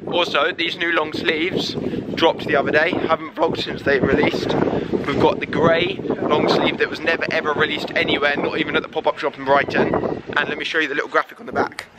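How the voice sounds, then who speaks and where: A man's voice: a little high, flat delivery, brisk, very noisy. A man in his twenties with a southern English accent, chatting casually and informally as a vlogger. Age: 20s. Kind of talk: casual vlog chat. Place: in a parked car, on city streets and in shops. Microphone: handheld vlog camera at arm's length.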